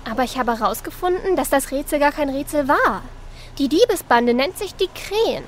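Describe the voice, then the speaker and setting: A woman playing an excitable, caring young female secret agent with an expressive anime-style delivery in an audio drama. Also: high-pitched, brisk, slight background noise. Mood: earnest. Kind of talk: hobby audio drama acting.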